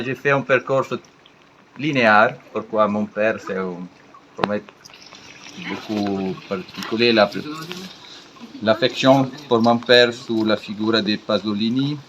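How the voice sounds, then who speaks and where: A man with an Italian accent, a native Italian speaker giving an interview in halting, foreign-accented French, searching for words. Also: lowish voice, fairly even intonation, a bit bright. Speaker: interviewed artist. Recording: dull lo-fi with faint background noise.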